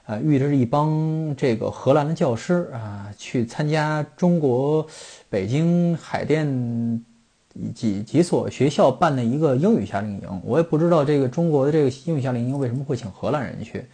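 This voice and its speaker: A man's voice: mid-range voice, normal speed, mellow, breathy edge. A middle-aged man from China hosting a football podcast, explaining things in a rambling monologue full of fillers and restarts.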